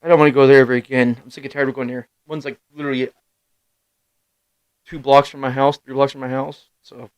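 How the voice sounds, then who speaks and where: A man in his thirties hosting a live stream, rambling through casual stories in a middle-pitched voice. He swears freely, laughs at himself and breaks into loud bursts. The sound is dry and close, with no room around it. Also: little pitch movement, a little fast, clean tone, dry recording, low-quality recording. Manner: rambling storyteller with sudden loud outbursts. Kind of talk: casual chat.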